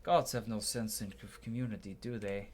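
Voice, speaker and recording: A fairly low, somewhat mellow male voice keeps a steady tone and normal speed. During his playthrough he reads game dialogue aloud theatrically as part of his commentary, sometimes fumbling and going back to restart a line.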